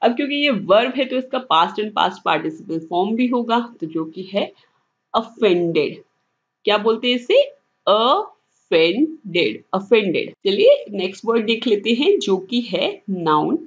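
A woman teaching English vocabulary online in Hindi mixed with English, saying each word slowly and then repeating it. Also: a little high, big pitch swings, dull audio. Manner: mixes English words into Hindi explanations.

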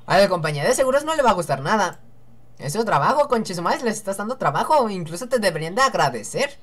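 A woman's voice: medium pitch, big pitch swings, fast. A young woman hosting a let's-play, chatting and joking to herself as she reads game dialogue aloud. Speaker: gaming channel host.

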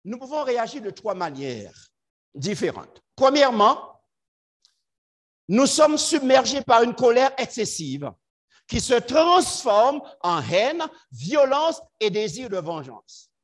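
A man preaching a sermon to his congregation, swinging between loud emphatic lines and low quiet asides. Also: big pitch swings, takes it slowly.

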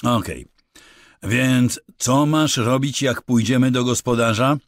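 A man doing a gruff, exasperated ranch hand. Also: medium pitch, slow, dry recording, clean studio sound, pitched above the performer's own voice. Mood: stern. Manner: exasperated, blunt and slangy.

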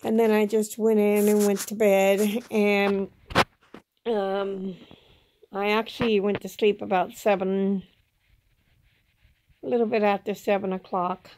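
Slow-talking middle-aged woman, toothless articulation. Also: medium pitch, level tone, darkish tone, a little hiss or hum. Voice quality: toothless, slightly slurred articulation. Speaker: vlogger. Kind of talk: casual personal update to camera. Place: small indoor room at home. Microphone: phone at arm's length.

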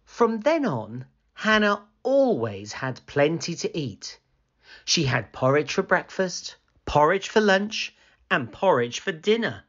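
A man reading a children's storybook aloud as a channel host, in a slow, expressive, sing-song bedtime-story manner. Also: fairly high pitch. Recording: slightly dull lo-fi sound.

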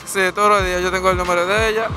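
High-ish guy from haiti answering on the street, stumbles over his words, music loud behind. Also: little pitch movement, rapid-fire. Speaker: windshield washer. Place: outdoors on a busy street.

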